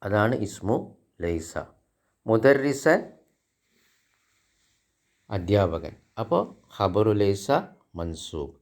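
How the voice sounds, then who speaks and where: A man from India, giving an Arabic grammar lesson. He speaks slowly through example sentences and asks his learners questions. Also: fairly low pitch, lively intonation, a little mellow. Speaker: Arabic teacher.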